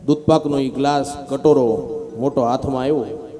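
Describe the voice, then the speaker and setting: A man preaching a devotional sermon as a lively storyteller who acts out the characters in his parable. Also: medium pitch, moderate pace, faint music behind. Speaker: scripture reciter.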